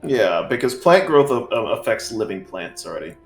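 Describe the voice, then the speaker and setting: A man's voice: lowish voice, sing-song, moderate pace. A man narrating as game master of a tabletop game, rambling with many fillers. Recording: echoey room with faint music.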